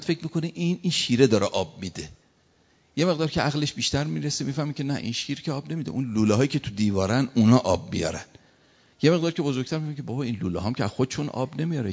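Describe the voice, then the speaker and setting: Lo-fi preaching man in echoing hall. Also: medium pitch. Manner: preaching with rising emphatic repetitions. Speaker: cleric. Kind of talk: sermon. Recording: lo-fi with long hall reverb.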